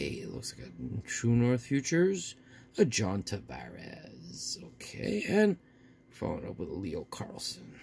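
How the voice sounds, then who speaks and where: Gravelly man casually hosting an unboxing. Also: medium pitch. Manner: folksy, often addressing viewers. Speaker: host of a card pack opening video. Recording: faint noise with crinkling wrappers.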